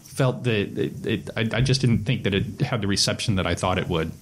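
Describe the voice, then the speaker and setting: A man's voice: on the low side, brisk, breathy edge. A man co-hosting a casual podcast about making films, talking in an echoey basement room. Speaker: podcast co-host and filmmaker. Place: theater basement, people walking past.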